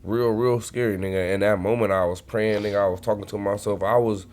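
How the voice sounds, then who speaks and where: A man's voice: fairly low pitch, steady tone, fairly quick, a little mellow. A man with the hiccups, earnestly telling a personal story in casual podcast chat. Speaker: podcast host.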